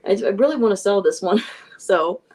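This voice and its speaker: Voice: mid-range voice, lively intonation, normal speed, a little mellow. A live stream host chatting in a rambling, casual way about a card collection. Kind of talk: casual chat.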